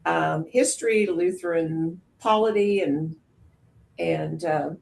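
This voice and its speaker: Older retired minister, woman, slow gravelly speech, hesitant call intro. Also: on the low side, a little mellow. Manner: hesitant, with pauses and fillers. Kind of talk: introducing herself on a video call. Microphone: video call.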